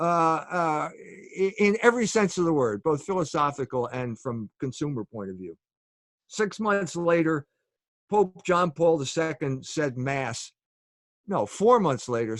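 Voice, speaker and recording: A man's voice: sits high, no echo. A man giving a public lecture as a speaker and author, in an earnest, emphatic lecturing manner.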